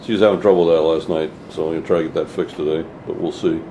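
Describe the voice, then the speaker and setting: A man's voice: extremely low pitch, fairly even intonation, racing, mellow, a little hiss or hum, rough recording. A man chatting casually as a tourist filming his trip for a vlog.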